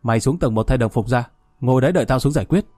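A man voicing a fat, abusive middle-aged woman who owns a restaurant and scolds crudely and fast. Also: mid-range voice, dark tone, no echo, soft background music, lightly acted. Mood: scolding.

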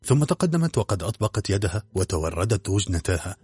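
Man, low voice, husky, lively intonation, drama narrator, faint music. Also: fast, dry recording.

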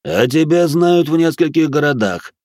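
A man voicing a second male lizardfolk guard, speaking higher and quicker than his partner, loudly proclaiming. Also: lively intonation, dry recording, studio quality, close to an everyday voice.

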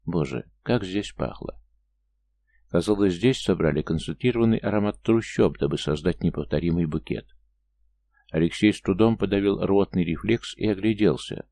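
A male narrator reads a novel aloud in a steady storytelling way. His voice is very deep and dark, with a gravelly creak. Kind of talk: audiobook reading.

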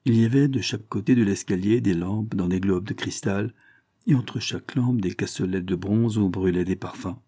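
A male audiobook narrator reads a classic tale in scripted narration, measured and even. His voice is low and dark, with a husky grain. The sound is close and dry. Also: dry recording.

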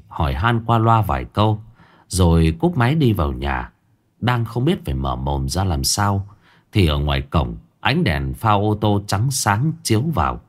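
Animated male storyteller. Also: low voice. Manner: expressive, animated. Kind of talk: ghost story narration.

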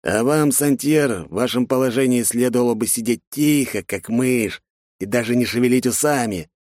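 A man's voice: mid-range voice, a little mellow, no room sound, studio quality, voice pushed up, close to an everyday voice. A man doing a barking, stern academy director. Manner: barking, scolding, drawn-out emphasis. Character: stern, bossy male academy director, middle-aged. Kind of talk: audiobook character voice.

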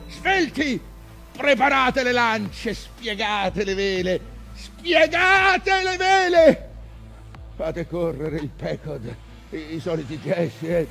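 A vengeful old whaling captain in a stage monologue, tormented and commanding. His gravelly voice is pitched high for a man and he declaims slowly, swinging from hushed brooding to bellowed orders. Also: full character voice. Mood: commanding, furious.

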